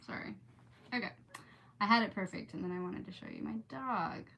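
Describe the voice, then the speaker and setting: Pushed, bright and a little fast, this medium-pitched woman's voice has some vocal fry. She's reading aloud on a livestream and chatting casually with viewers, often getting sidetracked.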